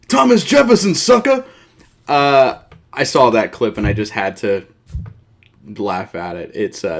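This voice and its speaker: A man's voice: on the low side, a bit bright. Rambling, joking male MMA vlogger. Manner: rambling, self-deprecating, joking asides. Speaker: MMA show host. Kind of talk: unscripted casual commentary.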